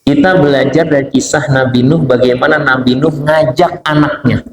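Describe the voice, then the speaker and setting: A middle-aged man giving a casual conversational sermon, mixing relaxed chatty asides with chanted Arabic verses. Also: mid-range voice, normal speed. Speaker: preacher. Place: neighborhood prayer room. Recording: echoey prayer room with faint ambient noise.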